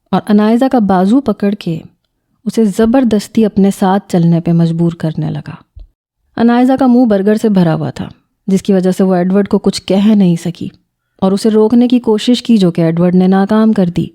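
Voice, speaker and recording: Mellow woman narrating a novel. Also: mid-range voice. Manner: steady, even storytelling. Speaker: audiobook narrator. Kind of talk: scripted narration.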